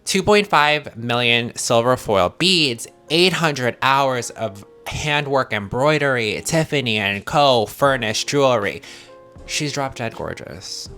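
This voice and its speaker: Sassy, bright-voiced man reviewing fashion. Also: mid-range voice, expressive, takes it slowly, soft background music. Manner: sassy, emphatic, gushing, drag-queen-like slang. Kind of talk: casual, opinionated fashion commentary.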